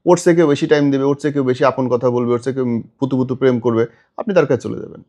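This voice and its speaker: Fast-talking blunt male advice-show host. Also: medium pitch, steady tone, warm tone. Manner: blunt, scolding, sarcastic interjections. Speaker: radio-style show host.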